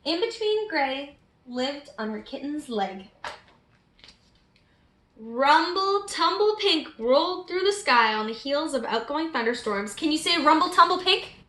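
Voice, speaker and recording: In an echoey, roomy space, a children's storybook reader takes her time with a picture book, her high voice lively and sharp in tone. She keeps the little ones engaged by asking them questions as she reads.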